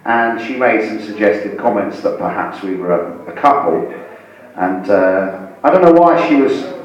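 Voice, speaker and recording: A man's voice: fairly low pitch, animated, highs cut off. Forty-something male comic in an echoey room. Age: 40s. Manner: halting, repeats words and phrases. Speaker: stand-up comedian and host. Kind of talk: live stand-up comedy with audience banter. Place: indoor comedy venue. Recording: echoey live room, distant mic.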